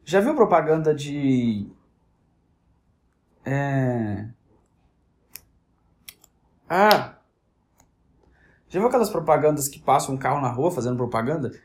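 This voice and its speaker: A man's voice: mid-range voice, expressive, takes it slowly, pauses often. A man, ranting casually and animatedly, rambling with frequent restarts. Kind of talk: casual rant.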